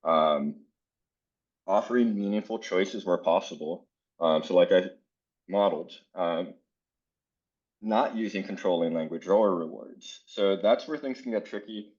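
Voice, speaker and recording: Presenting a conference workshop for educators, this man from South Florida speaks in a very low, darkish voice. He's earnest yet casual, leaning heavily on "um" fillers. Sound quality is dull and lo-fi, similar to a video call.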